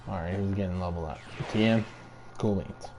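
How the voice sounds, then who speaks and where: A man's voice: deep voice, fairly even intonation, a little fast. A man streaming a video game, giving casual, rambling commentary and joking around with silly robot noises.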